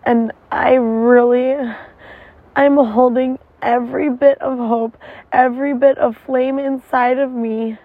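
A woman's voice: high-pitched, fairly even intonation, slow, no room sound. A woman talking in a casual, rambling, emotional confessional monologue with frequent swearing, recorded inside a parked car. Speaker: vlogger. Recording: tinny phone-like sound.

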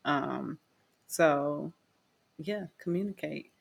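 A woman's voice: sits low, very slow, vocal fry, husky. A young woman co-hosting a podcast, giving frank, laid-back relationship advice with lots of fillers. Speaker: podcast co-host. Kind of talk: casual podcast chat. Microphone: video call.

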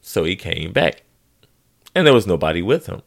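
A man's voice: low-pitched, moderate pace, vocal fry. A man hosting a podcast, telling a funny story casually and laughing as he goes. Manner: animated, laughing storyteller with voiced quotes. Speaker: podcast host.

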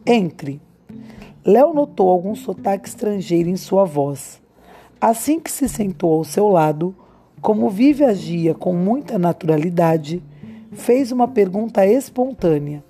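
A woman reads a novel aloud in slow, measured scripted narration. Her voice is dark and mellow, and soft music plays faintly underneath. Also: mid-range voice, expressive. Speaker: audiobook narrator.

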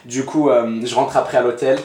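A man hosting a podcast, chatting casually and quickly, slangy and excitable as he questions his guest. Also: medium pitch. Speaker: podcast host. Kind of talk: casual chat. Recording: echoey room.

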